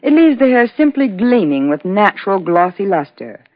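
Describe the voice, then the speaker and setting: A woman's voice: mid-range voice, very animated, moderate pace, no room sound. A woman reading a scripted 1940s radio commercial with gushing, polished delivery as a spokeswoman. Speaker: advertising spokeswoman. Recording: dull vintage radio recording.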